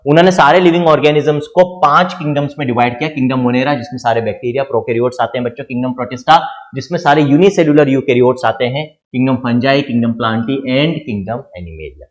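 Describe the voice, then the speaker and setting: A middle-aged Indian man giving a biology lecture to students preparing for an exam. He keeps asking rhetorical questions and answering them himself, repeating points to drive them home. His voice sits at a middle pitch for a man. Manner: explains with repeated rhetorical questions, calls listeners "children". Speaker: biology teacher.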